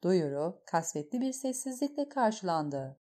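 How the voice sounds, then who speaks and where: A woman narrating an audiobook in a measured, steady way. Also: lowish voice. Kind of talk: audiobook reading.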